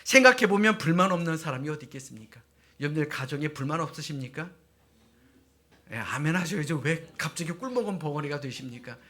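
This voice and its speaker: A man's voice: fairly high pitch, expressive, brisk, sharp tone. A male pastor preaching a sermon in a church, asking the congregation emphatic rhetorical questions.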